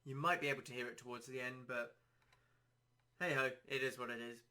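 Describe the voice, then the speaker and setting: Bright-voiced man rambling about gaming. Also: medium pitch, fairly even intonation, a little fast. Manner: rambling, self-deprecating, easygoing. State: dry throat, slightly hoarse. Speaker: podcast host. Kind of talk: casual solo podcast chat.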